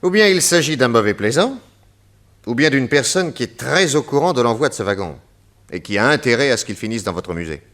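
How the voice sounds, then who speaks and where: An actor playing Nick Carter, a calm and shrewd middle-aged detective, in a French radio drama, reasoning aloud in a measured way. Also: male voice, medium pitch, natural voice.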